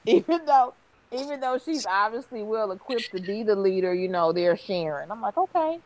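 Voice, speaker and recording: A woman hosting a casual fan chat, animated and acting out quotes from the show. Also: mid-range voice, moderate pace, no echo, rough recording. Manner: animated, acts out characters in quotes.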